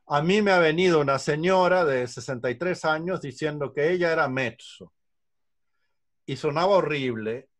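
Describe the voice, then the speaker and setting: A man's voice: on the high side, a bit bright. An older man, a singing teacher, patiently explaining voice ranges in an online lesson from a room at home over a video call. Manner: patient, explanatory, illustrates with counting and examples.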